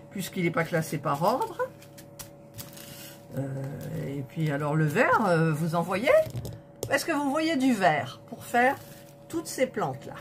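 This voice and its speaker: A woman speaks in a mid-range voice with slight background noise. Unboxing a diamond painting kit on her vlog, she tallies the colour numbers aloud for viewers, indignant and disappointed.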